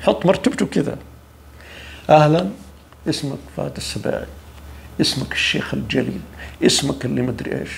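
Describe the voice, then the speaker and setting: A man giving an informal religious talk, preachy and lively, often acting out the voices of people he quotes. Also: mid-range voice, brisk, creaky, long pauses, a little hiss or hum. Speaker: religious speaker.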